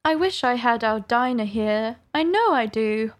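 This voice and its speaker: A woman's voice: fairly high pitch, lively intonation, unhurried. A woman reading aloud and voicing Alice, an earnest, eager little girl. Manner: eager, pleading.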